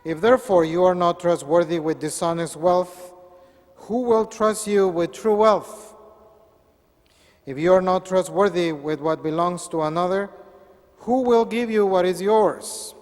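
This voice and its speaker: Priest in an echoey church. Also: male voice, high voice, a little mellow. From Peru. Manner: measured, earnest preaching. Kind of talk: Gospel reading and sermon.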